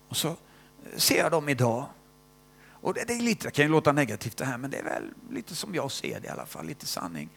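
A man preaching a sermon and telling a story, tagging his sentences with little questions and dropping between loud bursts and hushed asides. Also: medium pitch, vocal fry, breathy edge.

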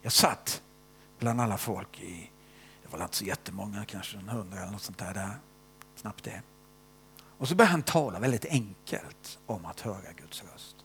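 Older preacher, animated and gravelly. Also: male voice, fairly low pitch, a little hiss or hum. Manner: animated, swinging between loud stress and hushed whispers; often ends phrases with a questioning "va?". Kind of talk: sermon with personal testimony.

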